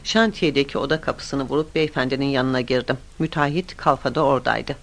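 A man reading a story aloud in the first person, in a steady, plain storytelling manner. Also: mid-range voice, brisk, slight background noise. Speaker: audiobook narrator. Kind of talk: scripted story narration.

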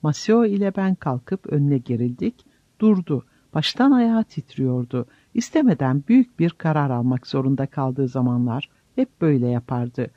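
A man's voice: fairly high pitch, animated, moderate pace, dry recording, dull audio. A man narrating an audiobook with dramatic storytelling. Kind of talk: audiobook reading.

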